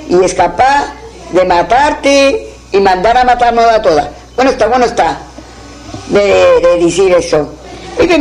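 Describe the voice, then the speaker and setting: A woman's voice: medium pitch, darkish tone, rough recording. A woman telling an old folktale aloud, repeating phrases in a rhythmic, spoken way. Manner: repetitive, rhythmic retelling with quoted dialogue. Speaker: storyteller.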